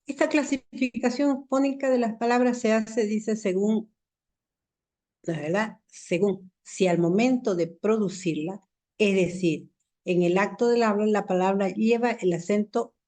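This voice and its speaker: A woman teaching a university language class online through a computer mic, patient and explanatory, repeating examples slowly and asking the class rhetorical questions. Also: mid-range voice, warm tone. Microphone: computer mic in a video call.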